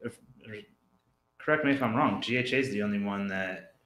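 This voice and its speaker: A man talking casually as a podcast co-host, laying out a list with pauses and fillers. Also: on the low side, a bit bright. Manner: laid-back, lists items with fillers. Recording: roomy office sound.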